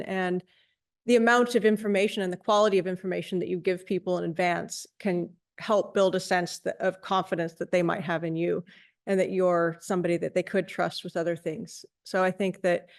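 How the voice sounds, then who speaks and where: A woman on a discussion panel, answering in a measured, thoughtful way. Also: lowish voice, fairly even intonation. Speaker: panelist, field researcher.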